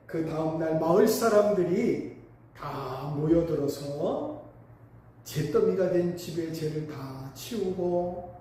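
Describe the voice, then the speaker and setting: A man's voice: sits high, mellow. A male pastor preaching a sermon, telling a story with emphatic swells. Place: church sanctuary. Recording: echoey church hall, mic at a distance.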